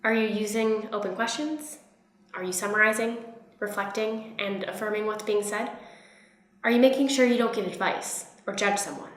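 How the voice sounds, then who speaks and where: A woman giving peer support training in a gentle, encouraging instructional tone. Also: mid-range voice, steady tone, normal speed. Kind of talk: instructional narration. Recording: roomy echo.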